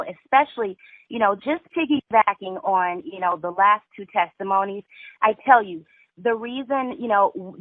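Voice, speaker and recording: A woman from Michigan speaks haltingly as a guest on a call, leaning on "you know" and "uh" throughout. The sound is a tinny, dry phone line. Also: mid-range voice, no room sound. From Michigan, USA. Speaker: guest giving a testimony. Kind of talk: phone testimony. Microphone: telephone.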